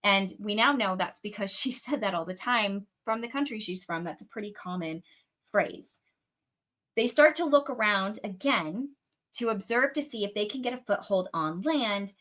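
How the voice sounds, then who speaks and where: A woman's voice: fairly high pitch, fairly bright tone. A young adult woman hosting a book podcast, chatting casually through a chapter recap with her own theories and the occasional swear word.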